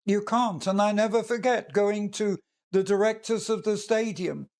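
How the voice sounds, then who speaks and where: A man's voice: sits high, fairly even intonation, normal speed, a little mellow. A man preaching as an evangelist, teaching from scripture in an earnest, emphatic way.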